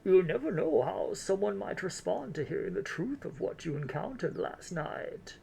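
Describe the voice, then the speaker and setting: A streamer voicing a gracious, knowing elderly tea house owner in a put-on grandma voice, speaking slowly and deliberately. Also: medium pitch, expressive, vocal fry, darkish tone, soft background music, pitched above the performer's own voice, poor audio. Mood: knowing, grave. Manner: slow, drawn-out, deliberate.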